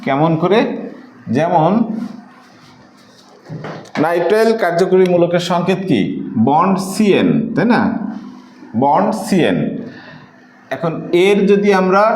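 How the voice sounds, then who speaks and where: A man's voice: high-pitched, a little slow, pauses often, darkish tone, slight background noise. A man. He asks the class questions and then answers them. The room has a noticeable echo. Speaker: chemistry teacher. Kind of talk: whiteboard lecture. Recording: echoey room.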